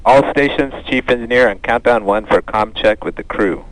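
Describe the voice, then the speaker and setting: A man serving as chief launch engineer, calling a formal countdown comm check over a headset intercom in measured procedural phrases. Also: medium pitch, no echo, poor audio. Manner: measured, procedural radio calls. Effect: headset intercom over a comm loop.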